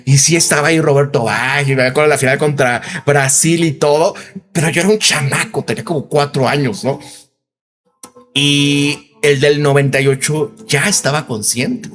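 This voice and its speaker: A man's voice: fairly high pitch, steady tone, moderate pace, a bit bright, faint music behind. A Mexican man in his thirties hosting a casual commentary video, rambling and tossing in tag questions. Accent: Mexican Spanish. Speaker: commentary channel host.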